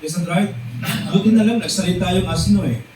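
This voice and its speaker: A man's voice: sits high, a crowd in the background. A man with a Filipino accent preaching a sermon, mixing English scripture with Tagalog and calling the congregation brothers and sisters. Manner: drawn-out, emphatic quoting of lines. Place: church hall. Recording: echoey church hall recorded from a distance.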